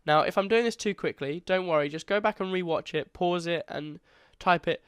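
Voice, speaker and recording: A congested young man talks casually through a screen-recorded coding tutorial, chatty and correcting himself as he goes. His voice sits high, a bit bright and smooth, at a normal speed, in a dry, studio-quality recording.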